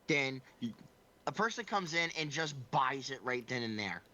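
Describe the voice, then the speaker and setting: A man co-hosting a casual podcast chat, animated and insistent, pressing his point with repeated words. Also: normal speed. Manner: animated, insistent, jumps to high exclaims.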